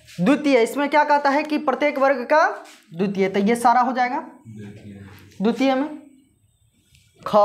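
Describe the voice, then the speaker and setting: A woman teacher giving a grammar lesson, asking questions and answering them herself while she repeats the key terms. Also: high-pitched.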